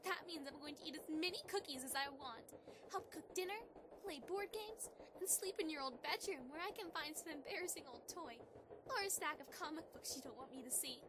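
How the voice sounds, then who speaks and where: A woman's voice: sits high, animated, brisk. A woman playing an affectionate, playful young married pony princess in an amateur audio drama, earnest and sweetly coaxing. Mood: warm, playful. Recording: clearly noisy amateur microphone recording.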